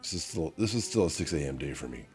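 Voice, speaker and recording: A man's voice: rumbling low, lively intonation, quick pace, a little mellow, soft background music. A young man chatting casually on his stream, tired and hiccuping, rambling and correcting himself as he goes.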